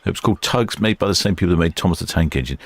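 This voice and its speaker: A man's voice: sits low, animated, very fast, gravelly, no echo. A man hosting a casual live ship-spotting stream, chatting and musing as he watches. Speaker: livestream host.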